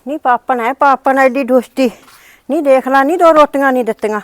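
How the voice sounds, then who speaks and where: A woman's voice: high-pitched, fast talker, no echo, close to an everyday voice. A woman playing a sick, aggrieved old mother-in-law who complains and calls on God. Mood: lamenting. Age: older. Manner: lamenting, complaining, appeals to God. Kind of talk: village short-drama acting.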